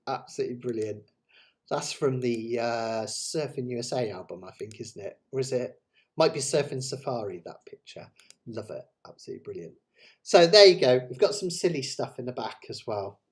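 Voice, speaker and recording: A man's voice: medium pitch, expressive, normal speed. West country english guy chatting on a livestream, kinda rambly and keen, voice goes up and down loads. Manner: rambling, enthusiastic, self-deprecating. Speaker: host of a live ukulele play-along. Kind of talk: casual livestream chat to viewers.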